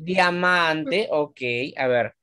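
A woman teacher with a slightly low voice talks young pupils through a lesson. She drags words out syllable by syllable, fires short questions at the class and explains each rule patiently. The sound is dry and close, with no room around it. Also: sharp tone, clean tone, no echo. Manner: stretches words out slowly and quizzes the pupils; patient, explains rules step by step. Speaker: primary school teacher.

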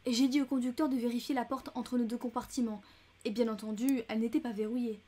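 Woman reader playing a chatty, indignant older American lady, mellow and fairly high. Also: steady tone, fast, husky. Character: talkative, fussy, easily upset older American lady. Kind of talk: audiobook character reading.

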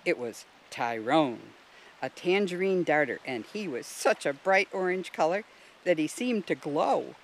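A woman volunteer reading a children's storybook aloud in a gentle, expressive way. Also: low-pitched, measured pace, slight background noise, poor audio. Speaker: volunteer narrator.

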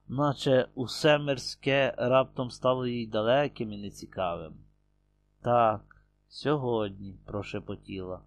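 A man narrating an audiobook with expressive, unhurried storytelling. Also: medium pitch, no room sound. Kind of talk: scripted narration.

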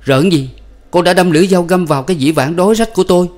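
A man's voice: mid-range voice, normal speed, voice pushed up, close to an everyday voice. A man voicing a ranting, bitter young husband. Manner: loud, ranting, theatrical outbursts. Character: bitter, raving young husband, proud and scornful.

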